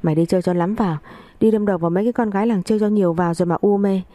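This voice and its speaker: A woman voicing an elderly father who shouts and scolds his grown son harshly, in a storybook reading. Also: medium pitch, steady tone, rapid-fire, no echo, studio quality, close to an everyday voice. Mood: angry scolding.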